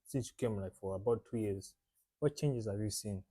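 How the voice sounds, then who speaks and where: Low dark-voiced man, friendly host. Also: moderate pace, no room sound. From Malawi. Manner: friendly, calls guest "bro", repeats questions. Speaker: host, interviewer. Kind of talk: casual interview.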